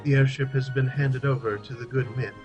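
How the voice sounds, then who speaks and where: A man's voice: mid-range voice, fairly even intonation, a little fast, lo-fi sound, music in the background, close to an everyday voice. A man voicing a courteous, melancholy knight adventurer in a formal way. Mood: courteous, rueful.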